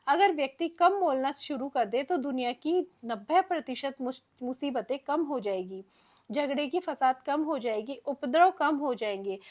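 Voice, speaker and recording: A woman with a high voice reads a moral story aloud in scripted narration. Her delivery is measured and even, with the odd stumble over a word. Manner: measured reading with small slips.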